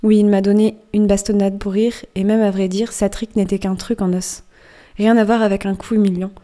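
A woman narrates as a cocky old-time sailor spinning a yarn about his dream, conspiratorial and amused. The voice is mellow and dark, steady in pitch, never rushed into a shout. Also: lightly acted. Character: wry, boastful male sailor telling his dream. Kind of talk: audiobook reading.

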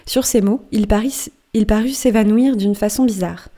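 A woman reading an audiobook as a wry, boastful male sailor who recounts a strange dream in a lively, conspiratorial way. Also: medium pitch, normal speed, lightly acted.

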